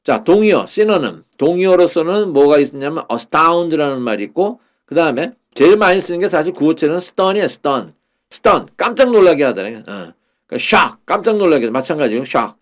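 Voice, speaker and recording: A man gives a Korean-language lesson on English Bible verses, explaining slowly and repeating the English phrases with plenty of fillers. His voice sits fairly high and he is very animated.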